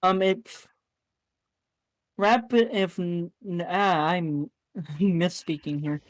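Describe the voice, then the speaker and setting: A woman's voice: lowish voice, fairly even intonation, slow, dry recording. A woman commentating a live sim race in a chatty way, often correcting herself mid-sentence.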